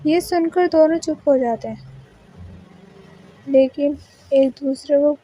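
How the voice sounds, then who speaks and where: A woman with a high, mellow voice narrating a scripted story. Her delivery is slow and measured, in a storytelling manner. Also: poor audio.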